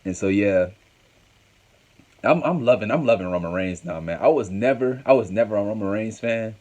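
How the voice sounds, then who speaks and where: A man's voice: lowish voice, expressive, normal speed, a little mellow. A man hosting a show, recapping a wrestling match in a casual, rambling way and often repeating himself. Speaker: host.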